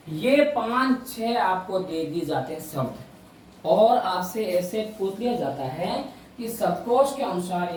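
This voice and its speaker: A man teaching a Hindi lesson, speaking slowly, stressing key words and repeating his questions to the class. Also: a little high, a little hiss or hum. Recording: echoey room, mic far away.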